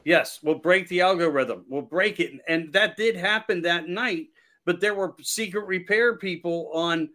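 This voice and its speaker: A podcast host from Pennsylvania, appearing as a guest, chats casually about politics, rambling emphatically and repeating his key phrases. His voice sits high with a fairly bright tone, and he speaks a little slowly.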